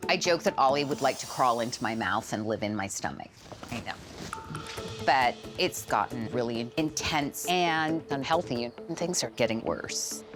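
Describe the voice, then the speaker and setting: A woman's voice: rumbling low, animated, normal speed. A middle-aged woman from Sweden, a dog owner talking casually and playfully about her dogs. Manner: chatty, playful, laughs at herself. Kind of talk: casual interview. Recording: music bed underneath.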